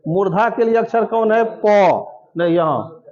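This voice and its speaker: A man's voice: high voice, measured pace, a little mellow, highs cut off. A man teaching a classroom lecture, drilling sounds aloud and quizzing his students. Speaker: coaching teacher.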